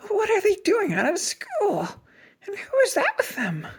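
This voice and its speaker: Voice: very high voice, wildly swooping pitch, a little slow, pitched above the performer's own voice, full character voice. A storybook reader voicing a suspicious woman schoolteacher with a scratchy voice. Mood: astonished.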